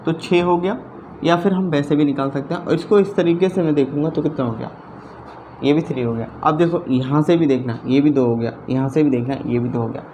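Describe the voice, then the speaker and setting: Slow-talking man teaching a math lesson. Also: a little high, dark tone, a little hiss or hum. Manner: slow, repetitive explaining, often checking understanding.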